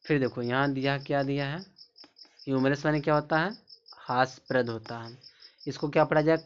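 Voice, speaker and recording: A male English teacher explains spelling and pronunciation, drilling each word again and again and quizzing his listeners as he goes. His voice sits at an everyday middle pitch. The recording is a little dull and lo-fi, with a faint hiss of noise behind him. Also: fairly even intonation, moderate pace. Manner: repetitive, drills each word several times and asks rhetorical questions. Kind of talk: classroom-style lesson explaining spelling and pronunciation. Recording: slightly dull lo-fi sound with faint background noise.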